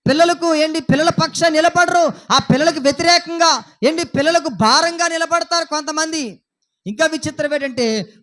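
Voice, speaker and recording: A man's voice: very high voice, a bit bright. A man preaching a Sunday sermon as pastor, asking his listeners repeated questions. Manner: preaching with repeated rhetorical questions and acted quotes.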